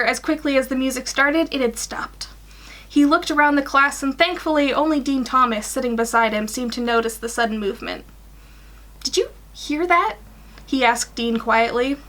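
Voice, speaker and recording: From a small room at home, a woman in her twenties guest-reads a fan story on a fan fiction livestream and chats informally between passages. Her voice sits high and sounds a bit bright.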